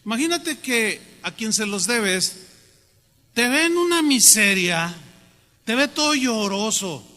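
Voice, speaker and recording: Lively preacher in an echoing hall. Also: male voice, high voice, takes it slowly. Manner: animated, asks the congregation questions. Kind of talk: sermon. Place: church hall. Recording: long hall reverb.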